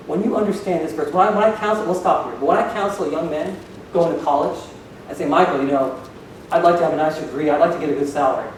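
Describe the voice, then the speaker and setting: A pastor preaches to his congregation in a high male voice, throwing questions out to the room. His words ring through a large, strongly echoing hall. He sounds set back from the microphone, with a faint low rumble underneath. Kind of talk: sermon. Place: church hall. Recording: echoey hall, voice from far off.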